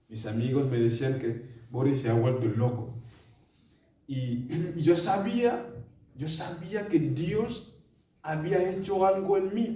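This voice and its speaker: A man's voice: mid-range voice, mellow. A man giving an earnest personal testimony in a church sermon, telling his story with many repeated phrases. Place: church meeting room. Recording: echoey church room from a distance.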